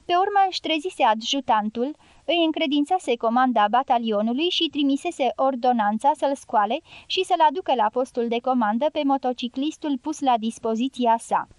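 A woman's voice: high-pitched, no echo. Woman narrating an audiobook, dry close sound. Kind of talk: scripted narration.

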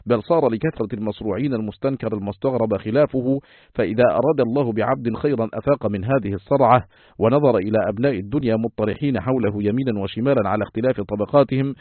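A man reading a classical text aloud as an audiobook, in a formal, measured recitation style. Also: lowish voice, no room sound. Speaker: audiobook reader. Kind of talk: scripted narration of a classical text. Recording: tinny phone-like, dry, husky.

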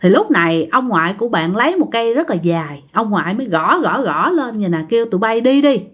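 Lively woman telling ghost stories. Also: medium pitch, fast talker, husky. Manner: expressive, addresses listeners directly. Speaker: storyteller. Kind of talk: ghost story narration.

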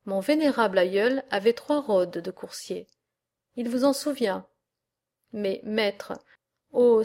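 A woman's voice: mid-range voice, a little mellow. A woman voicing a proud young male horse herder who speaks forthrightly as a suitor, in an audiobook reading.

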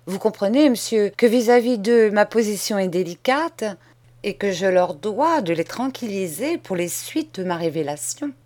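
A woman voicing a calm, defiant young schoolboy who speaks politely but firmly in an audiobook. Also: medium pitch, moderate pace, lightly acted. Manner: polite, firm and unyielding. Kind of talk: audiobook character reading.

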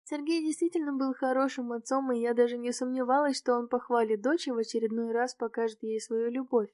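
A woman's voice: fairly high pitch, steady tone, fairly quick, darkish tone, no echo. Woman narrating a novel, dry close sound. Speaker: audiobook narrator. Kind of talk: first-person novel narration.

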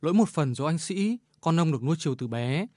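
A man, a radio editor, reading a measured, reflective commentary on a short story. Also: a little high, lively intonation, a little mellow, no room sound, clean studio sound. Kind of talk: scripted literary commentary.

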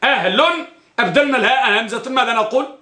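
An extremely high-pitched, sharp-toned man races through a classroom lecture on a hadith text, with a roomy sound. In his Islamic studies class he asks students questions, answers them himself, and repeats key phrases.

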